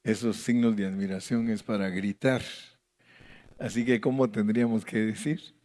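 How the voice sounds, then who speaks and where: A man pastor teaching a Bible study to his congregation, speaking slowly and deliberately, reading verses aloud and asking people to read along. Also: lowish voice, steady tone, a little mellow. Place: church hall with a congregation.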